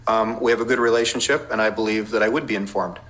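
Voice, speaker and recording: A man's voice: lowish voice, steady tone, fairly bright tone. A man, a police intelligence officer giving careful, precise formal testimony under cross-examination. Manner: measured, precise, careful wording with legal references.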